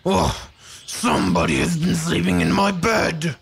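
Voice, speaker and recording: Woman putting on a slow, growly papa koala. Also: fairly low pitch, very animated, a little hiss or hum, full character voice. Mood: indignant bellowing. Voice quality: growly, gravelly. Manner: bellowing, slow. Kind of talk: children's storybook character voice.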